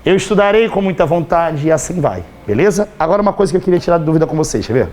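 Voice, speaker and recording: A slightly hoarse Brazilian man teaching a grammar class in a fairly high voice, chatty and teasing. He keeps asking his students whether they followed, with a faint hiss of noise behind him. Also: expressive, racing, darkish tone. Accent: Brazilian Portuguese. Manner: chatty, teasing, constantly checks understanding. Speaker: Portuguese teacher. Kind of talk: live online class.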